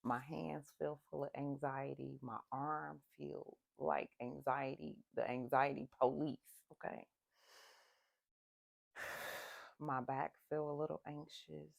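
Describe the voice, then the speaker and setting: Slow, gravelly ASMR meditation guide. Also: medium pitch, little pitch movement, no echo. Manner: slow, gentle instructions with candid personal asides.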